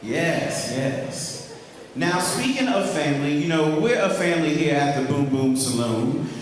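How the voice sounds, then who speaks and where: A man hosting a live stage show as emcee, theatrically rallying the crowd in a sultry, teasing manner. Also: on the high side. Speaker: burlesque show host, emcee. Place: live saloon-style show venue, on stage. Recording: echoey hall, crowd noise, live PA.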